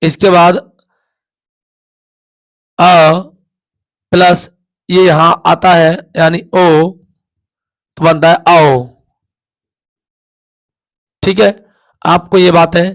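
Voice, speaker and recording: Slow, high-voiced male Hindi teacher. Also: fairly even intonation. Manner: repeats sounds aloud, asks and answers his own questions. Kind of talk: classroom lesson at a board.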